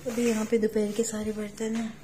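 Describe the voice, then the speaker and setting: A woman with a hoarse voice, chatting casually in a home vlog and talking to her children. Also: medium pitch, completely flat delivery, fairly quick, a little hiss or hum. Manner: talks softly, near a whisper, while the baby sleeps. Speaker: vlogger.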